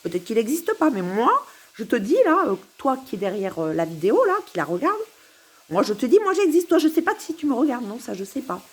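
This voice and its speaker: Husky, musing woman rambling to camera. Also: on the high side, big pitch swings, fairly quick. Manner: musing, giggly, repeats herself. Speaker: vlogger. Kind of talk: rambling philosophical monologue to camera. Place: at home.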